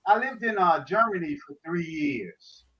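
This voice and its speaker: A man chatting casually in a halting way, often repeating his words, over a dull online call. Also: sits high, expressive, fairly bright tone, slightly rough. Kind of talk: casual chat.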